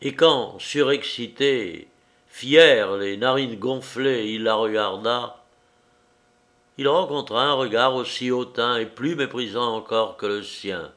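A male audiobook narrator with a mid-range voice reading a novel. He takes his time, placing each phrase slowly and deliberately. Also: mid-range voice, fairly bright tone. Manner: slow, measured reading.

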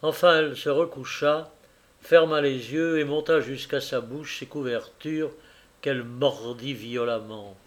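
A man's voice: medium pitch, steady tone. Man narrating a suspense novel. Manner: dramatic reading, slowing for suspense. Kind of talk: scripted narration of a classic novel.

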